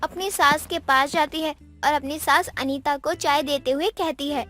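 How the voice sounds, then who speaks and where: A woman giving scripted, even-toned narration for an animated moral story. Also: high voice, moderate pace, faint music behind.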